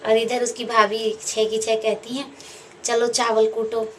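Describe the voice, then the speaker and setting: A woman's voice: a little high, flat delivery, measured pace, a bit bright. Homely woman telling a folk tale. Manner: homely, conversational retelling with acted dialogue. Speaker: storyteller. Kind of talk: casual folk tale narration. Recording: distant mic with faint background noise.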